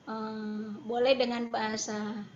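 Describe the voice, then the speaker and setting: A woman's voice: a little high, level tone, slow pace, a little hiss or hum. A woman giving a chatty, informal parenting talk to parents over a video call, with lots of tag fillers and light laughs. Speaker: parenting speaker at a school parents' meeting. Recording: roomy, dull video-call audio.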